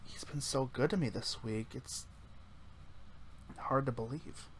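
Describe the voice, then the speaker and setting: A man's voice: medium pitch, measured pace, a little hiss or hum. A man reading a visual novel aloud in first person, casual, with small slips he corrects as he goes. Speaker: let's play narrator.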